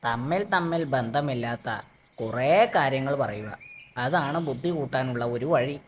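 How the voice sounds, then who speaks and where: A man plays a clever cartoon animal trickster, a male know-it-all. He explains things slowly and with self-assurance, at a middling pitch, with faint noise behind him. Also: animated, natural voice. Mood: knowing, instructive. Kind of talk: cartoon voice acting.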